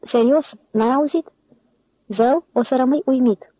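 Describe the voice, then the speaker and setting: A man's voice: extremely high pitch, warm tone, dry recording, rough recording. A woman voicing a sly, gossipy male office clerk who talks eagerly and confidingly.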